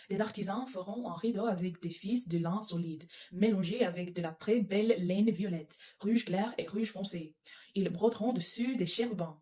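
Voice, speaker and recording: A woman's voice: mid-range voice, mellow. A woman whose first language is English, reading scripture aloud in French with an English-speaking accent, often stumbling and correcting herself. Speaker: Bible reader.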